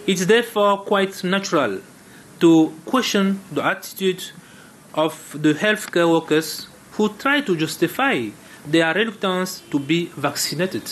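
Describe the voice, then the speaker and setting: Cameroonian accent official guy giving a formal statement, a bit halting, slightly high, some room noise. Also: animated, a bit bright.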